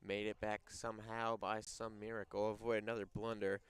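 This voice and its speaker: A young man calls the action of a high school baseball game. His voice is smooth and clear and sits a little low. Between pitches he trades jokes with his broadcast partner. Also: completely flat delivery, normal speed. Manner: banters and teases his co-announcer. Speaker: play-by-play announcer.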